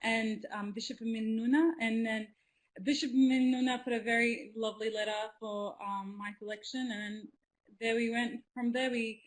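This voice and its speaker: A woman's voice: fairly high pitch, steady tone, normal speed, low-quality recording. A young woman from Australia speaking casually on a webinar video call, earnest and enthusiastic, with many ums and restarts. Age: young adult. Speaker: youth representative. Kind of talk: webinar talk. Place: indoors at home, small room.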